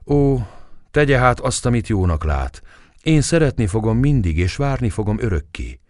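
Gentle loving young woman, read by a man, soft earnest pleading, audiobook, dry close sound. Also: medium pitch, big pitch swings, no room sound, natural voice.

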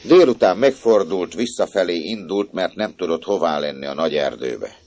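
A man reading a novel aloud as a narrator, expressive and acting out the characters. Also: sits low, no echo.

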